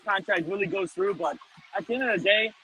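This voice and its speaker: Male sports co-host, high pitch, sharp bright tone, casual fan chat, ambient background noise. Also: a little fast, breathy edge, low-quality recording. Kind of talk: casual baseball fan talk.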